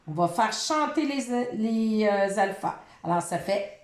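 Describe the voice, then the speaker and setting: A woman giving a reading lesson to a child, in a sing-song voice, sounding out letters and syllables slowly. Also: medium pitch, expressive, roomy sound.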